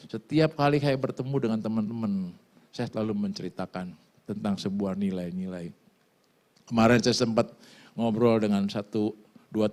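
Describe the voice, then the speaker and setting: A middle-aged male pastor giving a lively sermon, telling stories and swinging between quiet asides and loud exclamations. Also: on the low side. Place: church.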